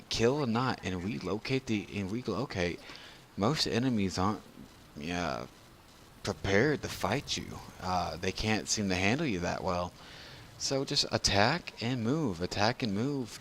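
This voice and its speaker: A man's voice: sits low, fairly bright tone, slight background noise. A drunk man giving casual, rambling video game commentary as a tutorial narrator, losing his train of thought.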